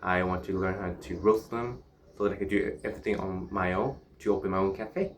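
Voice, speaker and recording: A man from Myanmar chatting casually in a solo vlog, musing in a halting way with pauses. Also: sits low, a little hiss or hum. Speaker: vlogger.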